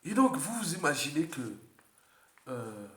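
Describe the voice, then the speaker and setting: A man with a Congolese French accent giving an unscripted political monologue, repeating himself and jumping to high exclamations. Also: measured pace, echoey room. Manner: animated, repetitive, jumps to high exclamations. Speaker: political commentator.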